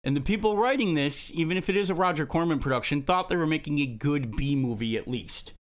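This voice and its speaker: A man's voice: fairly high pitch, animated, fast talker. A man co-hosting a film review discussion, delivering an emphatic, scathing and long-winded critique. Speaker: film review show co-host.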